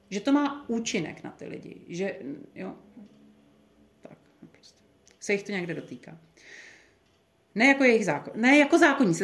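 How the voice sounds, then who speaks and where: A woman's voice: medium pitch, gravelly, a bit bright. Chatty woman leading a Bible study. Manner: thoughtful, chatty, with many fillers and restarts.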